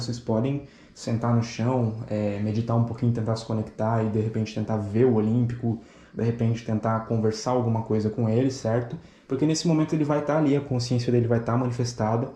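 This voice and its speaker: A man giving a spoken lesson, explaining calmly and patiently step by step. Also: mid-range voice, roomy sound. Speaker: teacher of ceremonial magic.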